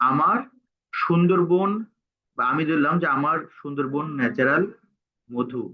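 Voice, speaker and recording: A man, teaching a tutorial and dictating word by word as he types. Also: fairly high pitch. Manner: halting, dictates word by word while typing. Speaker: instructor. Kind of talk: screen-recorded tutorial. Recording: tinny phone-like sound.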